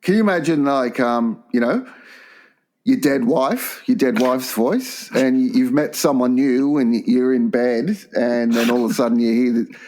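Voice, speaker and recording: A man's voice: mid-range voice, unhurried. A man, co-hosting a comedy podcast and telling crude stories. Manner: crude, storytelling, animated. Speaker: podcast co-host. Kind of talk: casual comedy chat.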